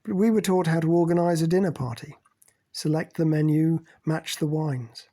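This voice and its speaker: A man's voice: fairly high pitch, fairly even intonation, moderate pace, warm tone, natural voice. A man voicing Tiggy, a cool, unflappable upper-class English woman with a cut-glass accent, in an audiobook. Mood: cool, posh. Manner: cool, unfazed.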